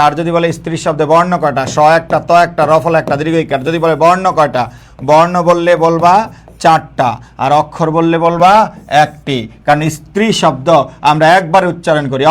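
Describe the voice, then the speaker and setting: A male teacher giving a live online grammar class, often repeating key points and quizzing his students, with English words mixed into casual talk. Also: fairly high pitch. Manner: colloquial, mixing in English words.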